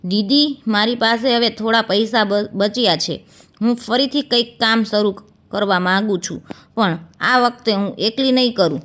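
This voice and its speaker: A woman's voice: a little high, moderate pace, fairly bright tone, close to an everyday voice. A woman voicing a remorseful younger sister. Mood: earnest. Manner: pleading, apologetic. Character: remorseful fallen-rich younger sister, tearful.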